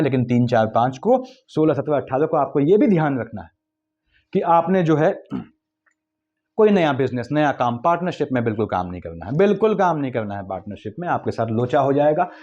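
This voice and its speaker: A man giving a quick, lecturing astrology forecast, weaving English terms into his explanations. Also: medium pitch, a little mellow, highs cut off. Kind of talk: monthly horoscope talk.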